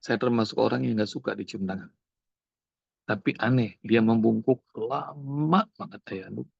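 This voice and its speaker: A man's voice: mid-range voice, normal speed, gravelly, breathy edge, no room sound. Man, preacher, storytelling sermon, dull lo-fi recording. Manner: animated storytelling, acting out dialogue.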